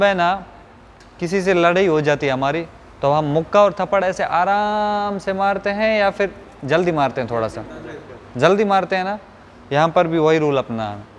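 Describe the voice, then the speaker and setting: A man teaching Quran reading, repeating each syllable in a slow sing-song chant and briefly explaining the rules in between. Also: sits high, slight background noise. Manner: explains rules in quick bursts between drills. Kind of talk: live Quran recitation lesson, drilling syllables.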